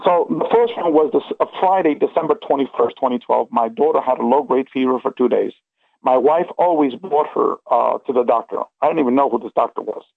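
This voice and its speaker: A middle-aged man talks a little fast in a gravelly, husky, medium-pitched voice, recounting his experiences as an interview guest. His storytelling is casual, rambling and earnest, full of emphasis and check-ins like "okay" and "you know." The dry recording sounds tinny, as if over a phone.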